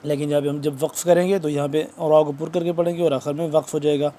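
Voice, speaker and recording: Male Quran teacher, Pakistani Urdu accent; higher-pitched, soft mellow tone; brisk explanation broken by slow, drawn-out recitation. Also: little pitch movement. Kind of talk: tajweed lesson, spelling out letters.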